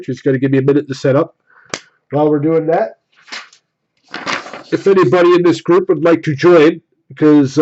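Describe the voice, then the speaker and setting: A man hosting a card break with casual live commentary, announcing items in an enthusiastic, drawn-out way. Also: fairly high pitch, a little mellow. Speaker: host of hockey card box breaks. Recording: dull, lo-fi microphone.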